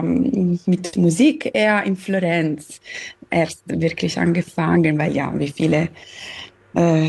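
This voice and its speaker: A woman from Sicily with an Italian accent, a pianist talking haltingly as a guest over a video call from home. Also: fairly low pitch, creaky, a little mellow, husky. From Sicily, Italy. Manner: hesitant, searching for words, laughs often. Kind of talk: casual interview on video call. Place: her home.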